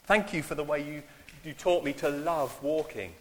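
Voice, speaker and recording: A man's voice: a little high, fairly bright tone, a little hiss or hum. Hesitant man preaching in a church hall. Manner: hesitant, halting with fillers and restarts. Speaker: minister. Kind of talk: informal sermon.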